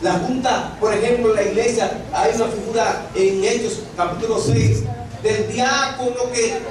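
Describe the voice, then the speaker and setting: High-voiced male preacher in echoey hall. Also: steady tone, moderate pace, a crowd in the background. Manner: asks rhetorical questions and answers them himself; reads scripture aloud. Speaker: pastor. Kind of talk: sermon. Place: church sanctuary. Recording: very echoey hall, distant mic.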